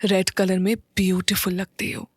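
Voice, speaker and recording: A woman voicing a calm, affectionate young man, a lawyer, speaking deeply and slowly in an audio story. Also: breathy edge, no room sound, studio quality, natural voice. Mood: tender. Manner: deep, slow, low-key.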